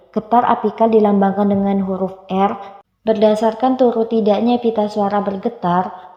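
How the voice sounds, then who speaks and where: A young woman student reading a phonology lesson aloud, going slowly through examples letter by letter. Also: medium pitch. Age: young adult. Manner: reads steadily, slowing to list letters one by one. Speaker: university student presenting. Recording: dull lo-fi sound with long room echo.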